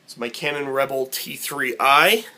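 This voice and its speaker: A man's voice: mid-range voice, a little slow, pushed and bright. A man talking casually to camera in a vlog, rambling and restarting his sentences. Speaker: vlogger.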